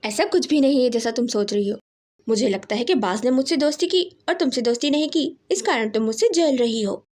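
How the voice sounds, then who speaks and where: A woman's voice: on the high side, lively intonation, darkish tone. A woman voicing a naive, trusting little female sparrow in a cartoon story. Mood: annoyed. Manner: sweet, quick to take offense.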